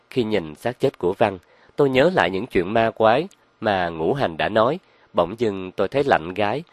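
A man reading a crime novel aloud as narrator, in a measured storytelling manner. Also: on the low side, dry recording.

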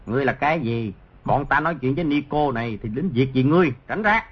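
A man voicing a fierce, hostile lama warrior in an audiobook who shouts threats in a raised voice, on a dull lo-fi recording. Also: high-pitched, expressive, very fast, breathy edge, full character voice. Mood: angry.

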